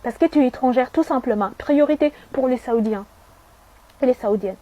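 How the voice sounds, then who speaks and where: A woman's voice: high voice, normal speed, dark tone. A young adult woman who grew up in Saudi Arabia, giving an earnest, emphatic personal testimony with repeated phrases and rhetorical questions.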